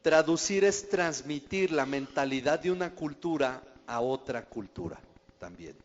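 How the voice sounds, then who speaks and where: A male pastor delivers a sermon in a conversational style, frequently posing questions to the audience. His fairly high voice is expressive and unhurried. The recording sounds dull and echoes through a reverberant hall.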